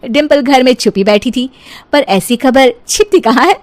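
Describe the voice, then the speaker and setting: A woman's voice: sits high, lively intonation, moderate pace. A woman narrating a scripted comic cartoon story as its storyteller.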